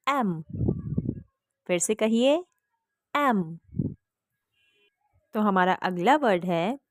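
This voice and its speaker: Female teacher, phonics for kids, very slow and patient delivery, close dry mic. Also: medium pitch, dry recording. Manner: slow, patient, repeats sounds and prompts children to answer. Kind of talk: phonics lesson for children.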